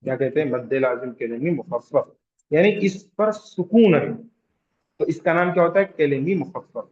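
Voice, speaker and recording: Male tajweed teacher with a Hyderabadi Urdu accent, fairly high voice, unhurried, patient, quizzes students, stretches vowels to demonstrate, dull lo-fi recording. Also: darkish tone. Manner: patient, repeats terms and asks the class questions; draws out vowels to demonstrate elongation. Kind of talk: slow classroom lecture.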